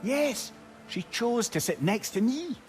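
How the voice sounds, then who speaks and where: Mimir, a lively, wistful Scottish old advisor. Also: male voice, very high-pitched, slow, over music, exaggerated voice. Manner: lyrical, wry, conversational. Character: witty, wistful old male advisor reminiscing about love. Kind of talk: storytelling video game dialogue. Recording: ambient noise behind voice.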